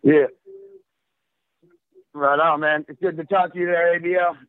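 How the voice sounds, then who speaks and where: A man's voice: a little high, little pitch movement, moderate pace, clean tone, dry recording. A male caller from Washington State, talking over the phone on a call-in show, fired up and rambling with lots of fillers. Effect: phone line. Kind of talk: casual call-in talk. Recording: tinny dry phone line.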